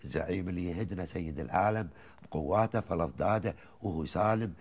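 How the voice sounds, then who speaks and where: A man with a Kuwaiti accent, a guest on a TV talk show, reciting colloquial poems in a lively, rhythmic way between bits of chat. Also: sits low, fast talker, breathy edge. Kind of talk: reciting colloquial poetry in conversation.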